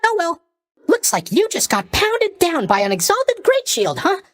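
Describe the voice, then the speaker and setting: A voice actor plays a cheery, oblivious young god of sleep in video game lines, chatty and blithely tactless as he offers mock sympathy. His exaggerated voice is extremely high with huge pitch swings, delivered unhurriedly in a dry recording.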